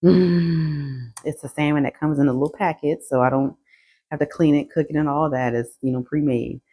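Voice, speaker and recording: A woman vlogs casually into her phone, her voice low and steady. She laughs often and sighs between her thoughts, and she is a little out of breath from walking. The sound is dry and close, with no room echo. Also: moderate pace, slightly rough. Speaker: vlogger. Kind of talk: casual chat. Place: outdoors on a roadside sidewalk.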